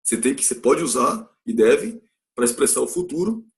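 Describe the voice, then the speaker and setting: A man's voice: big pitch swings, fairly quick. A man from Brazil teaching an English lesson, explaining patiently, repeating phrases and checking in with his listeners. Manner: acts out example sentences with a raised pitch. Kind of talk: recorded classroom lesson.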